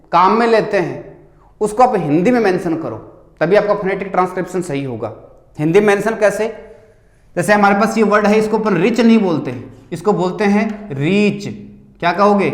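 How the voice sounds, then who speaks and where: A man with a fairly high voice talks through a test paper as a teacher, with a Rajasthani accent. He explains step by step, putting questions to the class and answering them himself. His voice rings in a roomy, echoing space. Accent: Rajasthani Hindi. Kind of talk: exam paper solution lesson. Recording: echoey room.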